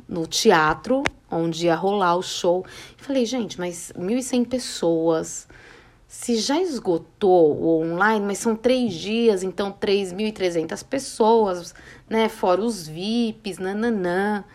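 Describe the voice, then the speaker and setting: A young Brazilian woman from the São Paulo area hosts a podcast, telling a story casually and acting out the dialogue with lively voices. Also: mid-range voice, takes it slowly. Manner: animated, acts out quoted dialogue. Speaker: podcast host.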